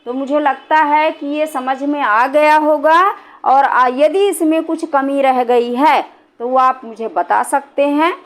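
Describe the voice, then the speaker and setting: A woman's voice: high voice, fairly even intonation, takes it slowly. A middle-aged woman teaching Hindi grammar in a classroom style, repeating points and often checking that students follow. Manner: repetitive, checks understanding with "है ना".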